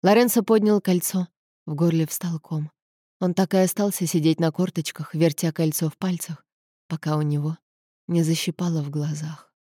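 A woman reading a novel aloud as an audiobook narrator, even and expressive. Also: deep voice, normal speed, no room sound. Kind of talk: scripted narration.

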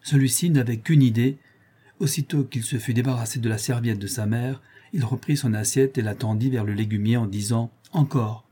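Man with a mellow, husky voice. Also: medium pitch, fairly even intonation, a little fast. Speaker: audiobook narrator. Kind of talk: scripted narration of a novel.

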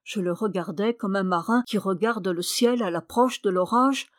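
A woman narrating a novel in a measured, expressive audiobook reading. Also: medium pitch, no room sound, studio quality. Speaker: audiobook reader.

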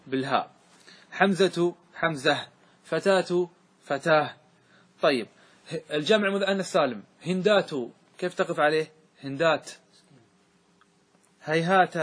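A man teaching a grammar lesson to a class. He recites verse slowly, asks questions and answers them himself. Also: a little high, fairly bright tone, slightly rough. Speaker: sheikh teaching Arabic grammar.

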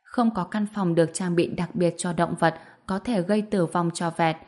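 Low-voiced woman narrating a story. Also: steady tone, normal speed, a little mellow.

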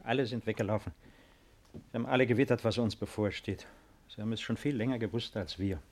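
In a 1950s German radio play, an actor voices a proud, resigned baron awaiting arrest, speaking in a measured, formal and hesitant way with an anxious, resigned mood. His male voice is lowish, a little mellow and natural.

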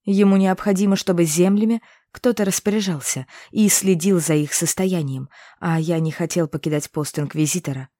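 A woman voicing a calm young male inquisitor who explains things patiently and teases gently. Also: on the low side, normal speed, hardly any pauses, no room sound, studio quality, natural voice.

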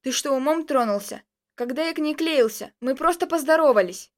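A woman's voice: high voice, lively intonation, fairly quick. A woman doing a cheeky joking young man. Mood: teasing. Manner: mocking, teasing.

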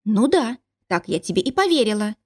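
A woman voicing a fiery young heroine who raises her voice in emotional, high-pitched outbursts. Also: very animated, brisk, breathy edge. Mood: sullen, wry. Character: young woman, fiery, scared then furious.

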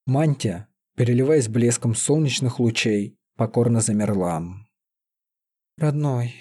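A man calmly reading a fantasy story aloud as an audiobook narrator. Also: medium pitch, normal speed, husky. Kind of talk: scripted narration.

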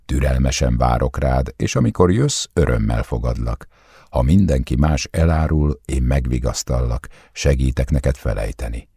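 A man doing a bottle of wine come to life, soft and intimate, coaxing and possessive, with a husky, dark grain in its voice that is lifted higher than the reader's own. It speaks in a close, dry storybook recording. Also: expressive, no room sound, exaggerated voice.

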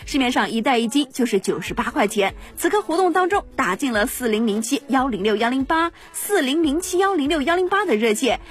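A woman's voice: high-pitched, expressive, brisk, hardly any pauses, soft background music. A woman presenting a radio shopping ad in an insistent hard-sell style, repeating prices and numbers.

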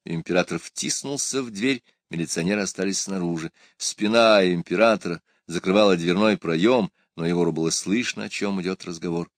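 A man reading a story aloud in a calm, quiet, even manner. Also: deep voice, a little fast, hardly any pauses, no echo, clean studio sound. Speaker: audiobook narrator. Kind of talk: scripted narration.

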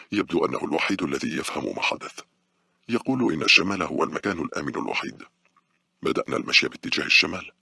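A man narrating a horror audiobook in a steady, brisk storytelling manner. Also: low voice, creaky, breathy edge, no room sound, clean studio sound.

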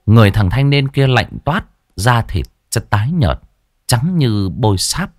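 A man narrating a ghost story in a dramatic, animated storytelling manner. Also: mid-range voice, unhurried, no room sound.

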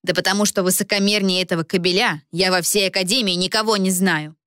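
A woman's voice: fairly low pitch, fairly even intonation, quick pace, a bit bright, clear, resonant tone, no echo, studio quality, natural voice. A woman voicing a blunt, sarcastic young woman roommate in an audiobook, speaking in a cutting tone. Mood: scornful.

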